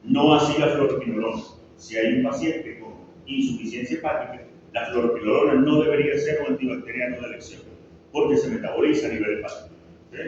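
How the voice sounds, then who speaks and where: A fast-talking man with a mid-range voice and Venezuelan Spanish accent teaches pharmacology in a large classroom, quizzing students and repeatedly asking "¿sí?". Recorded from a distance, his lecture sounds echoey and muffled over background noise.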